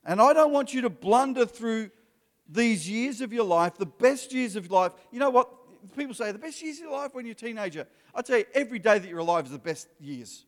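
Man, 50s, youth preacher, high animated voice, long hall echo. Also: brisk. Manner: animated, emphatic preaching with rising bursts. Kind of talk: sermon to young people. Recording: live hall with long reverb, soft music behind.

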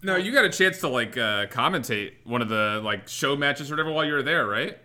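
A man hosting a casual podcast, asking questions in a lively, upbeat way. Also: medium pitch, fairly quick. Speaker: podcast host.

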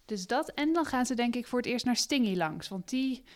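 A woman in a casual book discussion, answering thoughtfully with frequent pauses and fillers. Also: fairly high pitch, lively intonation, no room sound. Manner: hesitant, many fillers. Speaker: discussion guest.

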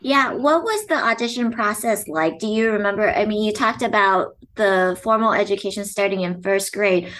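A woman's voice: medium pitch, moderate pace, few pauses, fairly bright tone. A woman hosting a podcast, asking curious, friendly questions. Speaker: podcast host.

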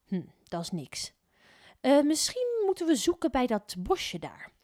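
A woman doing a squealing, excitable treasure hunter lady. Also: unhurried, dry recording, full character voice. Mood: bossy. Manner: high, squealing exclamations.

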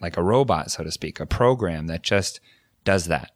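Talking at normal speed, a podcast co-host whose first language is English explains ideas in a relaxed, thoughtful educational chat. His very low voice often restarts to rephrase things, captured in a close, dry recording with no surrounding room.

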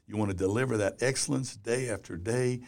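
A man's voice: medium pitch, a little fast, gravelly, darkish tone. A man in his sixties, a business publisher and columnist, talking in a casual interview, rambling and peppering his sentences with "you know".

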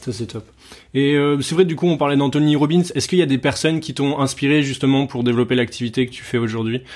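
A man hosting a casual interview, feeling his way into each question with frequent fillers. His tone stays informal and unhurried, and he drops in everyday slang. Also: mid-range voice, a little mellow. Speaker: interviewer, podcast host.

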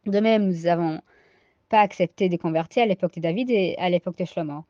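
American woman with a cold reading out aramaic then translating slowly, lots of ums, low mellow voice, dull lo-fi sound. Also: no echo. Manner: reads each Aramaic phrase, then translates it haltingly with many fillers. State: sick with a cold. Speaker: Talmud teacher. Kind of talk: daily Talmud lesson.

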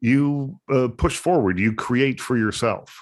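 A man's voice: medium pitch, unhurried. A man hosting an interview show, asking questions with enthusiasm and a few filler uhs. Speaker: show host.

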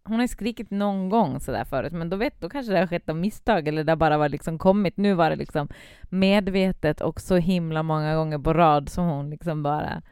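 A woman talks in a loose, rambling way, full of fillers and restarts. Her voice is smooth and a little low, recorded close and dry. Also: a little mellow, no room sound. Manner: chatty, rambling with many fillers. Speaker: parent. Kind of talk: casual chat.

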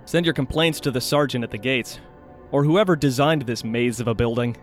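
A man's voice: medium pitch, fairly quick, soft background music, lightly acted. A man voicing a dry-witted young mage. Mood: wry.

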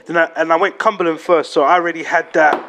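High-voiced young London roadman. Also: fast. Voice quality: urban London street slang, roadman delivery. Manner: animated, repeats phrases for emphasis. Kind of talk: casual group chat, telling anecdotes.

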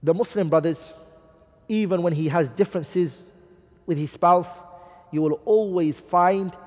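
In a large hall, an Islamic teacher leads a class on marriage, speaking in a high-pitched, unhurried, slightly mellow voice. He's emphatic, poses rhetorical questions to his students, and quotes Arabic hadith and poetry.

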